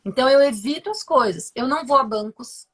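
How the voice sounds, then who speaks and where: A Brazilian woman, a guest neuroscientist on a live stream, gives a candid, emphatic personal testimony about her life in a Brazilian Portuguese accent. Her voice is high-pitched, fairly bright and slightly rough, with lively intonation and a fairly quick pace, full of fillers and repeated words.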